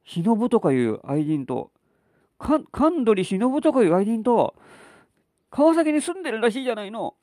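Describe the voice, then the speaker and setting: A tired, sharp-tongued wife and mother, put on by a man in a spoken story. The voice is raised well above a man's speaking pitch and rises and falls a lot. It is close and dry. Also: sing-song, moderate pace, dry recording. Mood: scolding. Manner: scolding then frantic.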